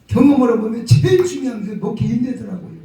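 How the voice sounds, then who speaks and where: Shouting folksy pastor in echoey hall. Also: male voice, very high-pitched, animated, quick pace, gravelly. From Jeolla, South Korea. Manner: folksy, humorous, swings into loud shouting bursts. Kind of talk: sermon. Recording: echoey hall, distant mic, faint noise.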